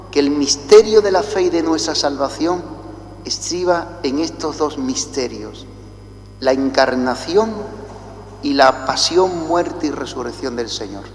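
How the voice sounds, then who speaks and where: A priest from Spain with a Spanish accent, chanting the liturgy and then preaching a slow, deliberate homily, heard with a cathedral echo. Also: male voice, a little high, slight background noise. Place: large church. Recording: echoey church with long reverb.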